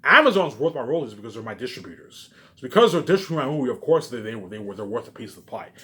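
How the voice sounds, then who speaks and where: In a bright, forceful voice of medium pitch with big pitch swings, a man speeds through a loose, rambling monologue. He is repetitive and emphatic, swears, and frequently tags on questions for agreement.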